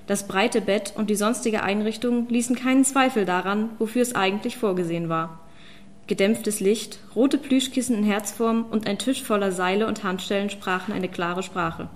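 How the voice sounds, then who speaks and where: A woman's voice: mid-range voice, moderate pace. Woman narrating a fantasy audiobook. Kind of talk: scripted narration.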